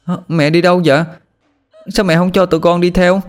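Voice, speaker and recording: A man voicing a six-year-old boy who misses his mother, in a high, childlike, pleading voice, for a spoken ghost story. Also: steady tone, brisk, natural voice.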